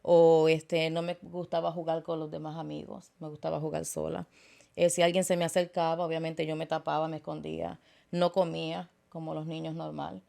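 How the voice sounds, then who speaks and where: A woman speaks as an interview guest, recounting her life earnestly. Her voice sits low and has a gravelly edge. She pauses and restarts often, dropping in fillers and small English asides. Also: little pitch movement, dark tone. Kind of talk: personal testimony in interview.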